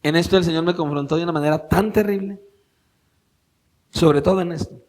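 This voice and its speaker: A man with a notably high voice preaches to his congregation in church. He presses his points with rising emphasis, then drops into soft, intimate asides, and keeps turning rhetorical questions on his listeners. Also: a little fast. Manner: swings between raised emphatic preaching and quiet intimate asides. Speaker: pastor. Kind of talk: sermon.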